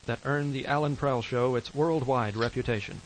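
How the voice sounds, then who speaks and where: An actor playing a grave documentary narrator, reading a scripted mock tribute. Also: male voice, medium pitch, normal speed, a little hiss or hum, lightly acted, low-quality recording.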